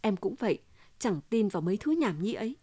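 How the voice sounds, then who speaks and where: A woman's voice: mid-range voice, sing-song, a little fast, mellow, breathy edge, no echo. A woman voicing a distraught wife who keeps pressing her husband for the truth, in an insistent, pleading manner.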